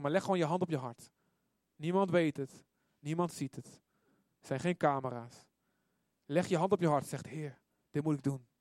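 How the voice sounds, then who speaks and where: A man's voice: on the high side, a little mellow, no echo. A man preaching a sermon with an urgent, fervent delivery. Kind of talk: sermon with altar call.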